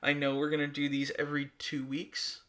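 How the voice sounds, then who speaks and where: A man's voice: fairly high pitch, a little fast. A young man co-hosting a podcast, talking casually and rambling with lots of fillers. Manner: rambling, relaxed, many fillers and restarts. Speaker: podcast co-host. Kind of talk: casual chat.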